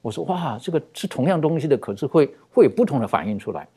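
A man giving a sermon, talking in an animated, conversational way with many fillers and drawn-out emphasis. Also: medium pitch, husky. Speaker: preacher.

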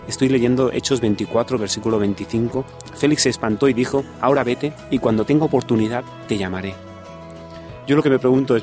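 A man explaining Bible passages in a radio talk, quoting scripture and speaking to listeners directly, with faint music behind. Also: medium pitch. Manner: explanatory, quotes scripture, addresses listeners with "fijaros". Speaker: Bible teacher.

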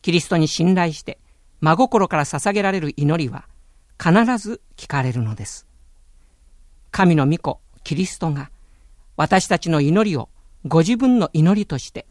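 A man giving a calm, earnest radio sermon, speaking in a measured way. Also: fairly high pitch, no room sound, clean studio sound. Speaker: radio preacher.

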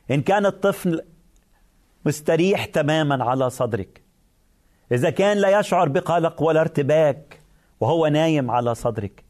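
A man's voice: fairly high pitch, darkish tone. Earnest Egyptian man preaching. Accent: Egyptian Arabic. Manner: earnest, repetitive preaching with direct address to the listener. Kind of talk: sermon.

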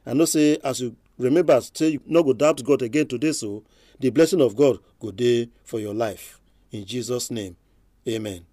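A man's voice: medium pitch, normal speed, warm tone, no echo, studio quality. A man from Nigeria with a Nigerian Pidgin accent, giving a short sermon and prayer as a church elder.

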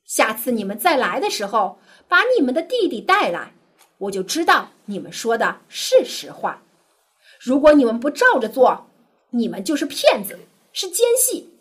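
A woman voicing a stern, commanding man of high rank in a children's Bible story, her voice breathy. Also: big pitch swings, normal speed. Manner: severe, commanding. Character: stern powerful male governor testing brothers.

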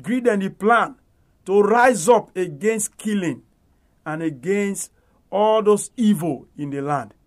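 A man's voice: high voice, takes it slowly. A male pastor with a Nigerian accent, praying aloud in Nigerian Pidgin.

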